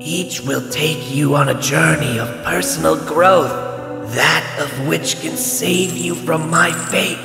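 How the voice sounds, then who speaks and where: A man's voice: fairly high pitch, vocal fry, full character voice. A man playing the solemn but cocky ghost of a young hedgehog hero in an audio drama, with a ghostly reverb on his voice. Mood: solemn warning. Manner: slow, solemn, haunting delivery. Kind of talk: audio drama character acting. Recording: long echoing reverb, music behind.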